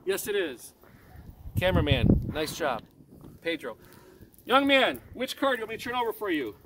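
Doing card tricks on a residential street, this high-voiced Chicago man in his fifties kneels on the sidewalk and speaks at normal speed with big pitch swings. A street magician and preacher, he's a chatty showman, counting aloud and quizzing onlookers. The distant camera mic, a few meters off, catches loud street noise.

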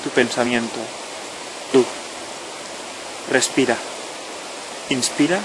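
A person speaking right in the listener's ear, guiding a relaxation in slow, short, measured phrases. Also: mid-range voice, steady tone. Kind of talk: slow guided relaxation narration, spoken to the listener. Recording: clear noise of rushing water. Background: running stream, natural outdoor ambience.

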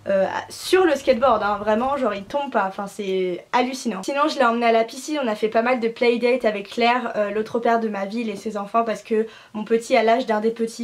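Young french woman vlogging, slightly high voice, gushy and full of slang and fillers. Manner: chatty, gushing, slangy with many fillers. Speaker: au pair vlogger. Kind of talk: casual talk to camera.

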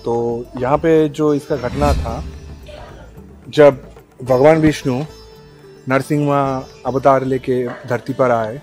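A young man records himself on a rocky outdoor trail with an action camera held out at arm's length. He talks casually to his viewers while he hikes. Faint music plays underneath. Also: medium pitch. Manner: chatty, talking to camera while hiking. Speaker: travel vlogger. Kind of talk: casual travel vlog.

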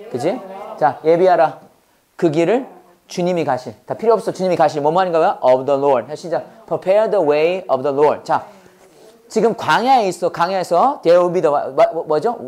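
A woman leads a call-and-response Bible English lesson, firing off short questions and making her listeners repeat verse phrases. Her voice is warm and mellow, and she switches between Korean and English as she pushes the drill forward with preacher-like emphasis. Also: on the low side. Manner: mixes Korean explanation with English scripture phrases.

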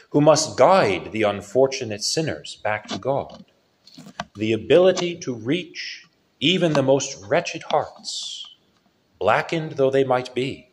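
Slow, solemn male priest preaching. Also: medium pitch, slight background noise. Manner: slow, solemn preaching with lively rises and falls. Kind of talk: sermon.

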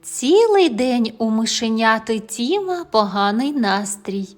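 A woman narrating a children's audio fairy tale in a gentle, expressive storytelling manner. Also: on the high side, slow, soft background music.

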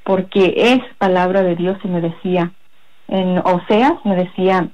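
A woman giving a personal religious testimony in a halting, rambling way, full of fillers. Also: lowish voice, steady tone, a little mellow, highs cut off, a little hiss or hum. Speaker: guest giving a faith testimony.

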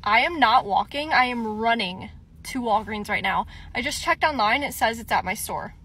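Excitable high-voiced woman vlogging on the go. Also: moderate pace, husky, distant mic. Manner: breathless, excitable, swinging to hushed disbelief. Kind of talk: excited vlog while shopping.

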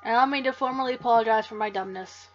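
A woman's voice: fairly high pitch, fast talker, lo-fi sound. A woman hosting a let's play, giving casual gameplay commentary in a jokey, profane, self-mocking way.

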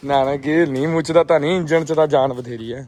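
A man's voice: a little high, steady tone, quick pace, darkish tone. A man with a Punjabi accent in casual, hearty banter, insisting and repeating his phrases like a farming vlogger. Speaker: tractor vlogger and farmer. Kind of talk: casual chat and banter outdoors. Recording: outdoor sound with faint vehicle noise.

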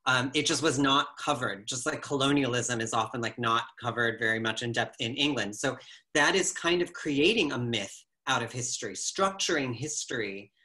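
A man's voice: mid-range voice, moderate pace, sharp tone. A man in his thirties from the United States speaking on a home video call, conversational and full of "like". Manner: conversational, uses "like" often, gestures while talking. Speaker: panelist curator. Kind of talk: casual video call discussion. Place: home living room indoors. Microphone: laptop webcam video call.

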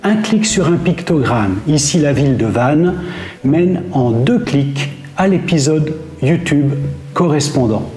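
A man in his fifties presenting a campsite in a steady, clearly scripted travel-vlog narration, seated at a table facing the camera. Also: on the high side, measured pace. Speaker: travel vlogger. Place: indoor room with brick wall. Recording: roomy echo with soft music behind.

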